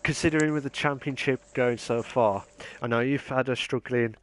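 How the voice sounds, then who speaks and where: A man's voice: medium pitch, moderate pace, dry recording. A man with an English Midlands accent interviewing racers casually, chatty and informal, often repeating his phrases. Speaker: post-race interviewer.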